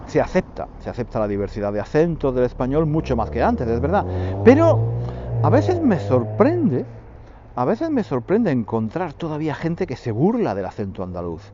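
A man hosting a podcast lesson for Spanish learners, repeating phrases slowly for his listeners. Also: mid-range voice, a little mellow, highs cut off, slight background noise. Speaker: podcast host teaching Spanish.

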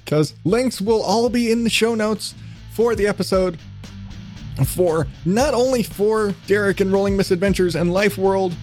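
High-voiced but darkish in tone, this man hosts a podcast in a loose, rambling interview style. He keeps it casual with jokey, self-deprecating, profane comments.

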